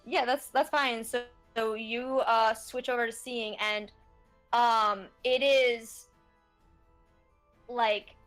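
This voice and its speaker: A woman's voice: on the high side, fairly even intonation, fairly bright tone, faint music behind, poor audio. A woman narrating a tabletop game as game master, describing scenes with frequent fillers. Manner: unhurried, descriptive, many fillers.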